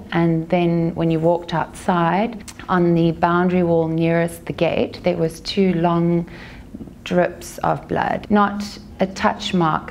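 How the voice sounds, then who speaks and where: A South African woman, a lawyer, giving a measured, careful recap of a day in court. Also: on the low side, creaky, a little mellow, a little hiss or hum. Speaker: legal commentator. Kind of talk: courtroom news commentary.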